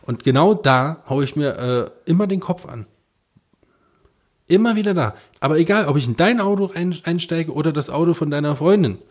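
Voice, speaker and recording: A man's voice: fairly high pitch, animated, moderate pace. A man co-hosting a podcast, telling a story in casual chat, full of fillers and restarts. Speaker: podcast co-host.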